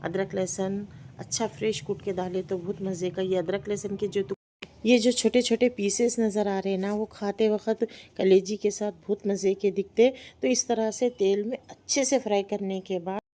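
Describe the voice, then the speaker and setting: A woman's voice: mid-range voice, steady tone, normal speed, dark tone. A woman with a Hyderabadi accent chatting casually through a home cooking vlog, explaining each step and repeating words as she goes. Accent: Hyderabadi Hindi-Urdu. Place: home kitchen. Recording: kitchen noise behind. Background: frying and sizzling.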